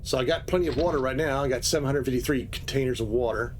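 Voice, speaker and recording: A male game streamer talks at an ordinary, mid-range pitch. He gives loose, rambling explanations as he plays, full of "uh" and "you know.". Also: fast talker, slight background noise. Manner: casual, rambling explanations with many fillers. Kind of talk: live gameplay commentary.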